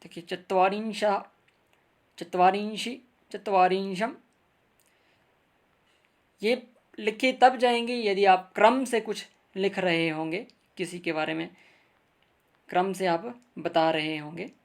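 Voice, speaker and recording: Male teacher for a video lesson; unhurried, careful, drawn-out recitation, patient direct address. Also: high-pitched. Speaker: Sanskrit grammar teacher.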